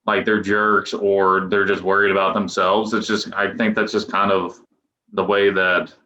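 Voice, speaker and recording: Deep-voiced young man in an echoey room. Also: level tone, moderate pace, sharp tone. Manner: rambling, loose, with restarts and chuckles. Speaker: guest, professional baseball pitcher. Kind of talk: casual podcast interview. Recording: echoey room, dull lo-fi sound.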